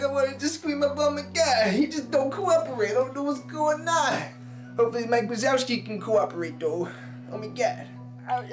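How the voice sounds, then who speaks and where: A cranky, ditzy portrait photographer, played by a woman for a school comedy sketch, whining and exclaiming about her customers in a high, piping voice. She is heard from a distance in a roomy, echoing space. Music plays behind her. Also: close to an everyday voice. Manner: whiny, keeps exclaiming "oh my God". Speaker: sketch actor.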